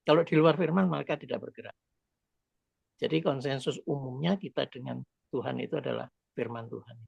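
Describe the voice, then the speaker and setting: A man's voice: medium pitch, a little fast, creaky, a little mellow, slightly rough, no room sound, lo-fi sound. A man joining a call over a poor phone and headset, explaining his point in a rambling, hesitant way. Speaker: participant adding to the teaching. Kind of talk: casual teaching.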